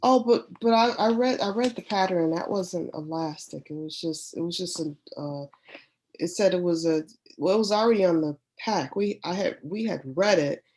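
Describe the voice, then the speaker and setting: A woman's voice: lowish voice, moderate pace, darkish tone. A woman with a congested, stuffy-sounding voice, chatting casually in a lax, hesitant, trailing way. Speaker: sewing group member showing her projects. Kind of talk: casual chat.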